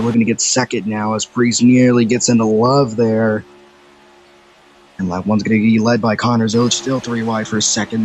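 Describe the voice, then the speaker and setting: A man doing rapid, excitable play-by-play commentary of a video game race, out of breath, his voice jumping high on sudden exclamations. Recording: clear background music.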